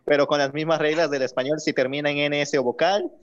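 A man from the Isthmus of Tehuantepec, a Zapotec language teacher, explaining calmly in conversation and often answering with short agreements. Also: on the high side, quick pace, dry recording, highs cut off. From Isthmus of Tehuantepec, Mexico. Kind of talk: conversational discussion.

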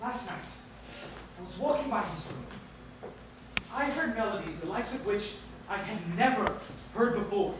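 An actress plays a devoted composer's secretary who pleads with urgent conviction, her voice set high. The sound comes from far across a very echoey theatre, with faint room noise behind. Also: animated, brisk. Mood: pleading. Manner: pleading, urgent stage delivery. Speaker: actor. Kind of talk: stage play acting. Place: theatre stage.

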